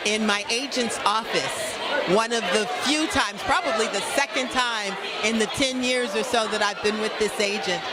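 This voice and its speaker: Lady telling her story slowly and carefully, super noisy packed place. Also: a little high. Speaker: actor. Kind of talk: event interview, personal anecdote. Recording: very loud crowd, noisy public space.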